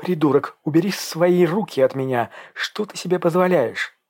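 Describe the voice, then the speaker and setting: A man voicing a defiant, sharp-tongued young pregnant woman in an audiobook, with biting, mocking retorts. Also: a little high, normal speed, pitched above the performer's own voice. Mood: furious defiant.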